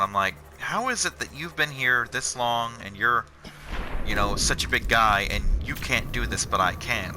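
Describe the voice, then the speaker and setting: A young man chatting casually and swearing freely as he plays a video game and rambles about work. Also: on the low side. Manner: rambling, profane, sarcastic. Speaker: channel host playing a video game. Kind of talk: casual chat over gameplay. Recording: game music behind.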